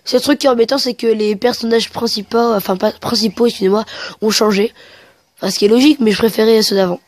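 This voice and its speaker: High-voiced woman playing a game. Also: fairly even intonation, fast, darkish tone, dry recording. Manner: chatty, hesitant, reads in-game dialogue aloud. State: sniffly with a cold. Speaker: let's play gamer. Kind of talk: casual game commentary. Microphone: headset mic.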